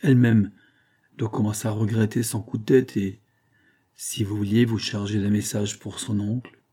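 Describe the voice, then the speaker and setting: A ruined glassmaker with a sneering, acid tongue, as a male reader puts him on, his voice lifted a touch and pushed with sudden heat. The tone stays dark and mellow underneath. An audiobook character, all bitterness and scorn. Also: on the low side, level tone, moderate pace, slightly rough. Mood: sardonic. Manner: acerbe, mocking, with heated bursts. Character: bitter, sardonic ruined glassmaker, middle-aged man.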